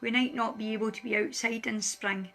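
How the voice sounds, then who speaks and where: A woman's voice: fairly high pitch, fairly even intonation, a little fast, vocal fry, fairly bright tone. A woman speaking as a spiritual light worker, earnestly pleading with viewers in a heartfelt direct address, emotional and close to tears. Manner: earnest, pleading, repeats phrases for emphasis.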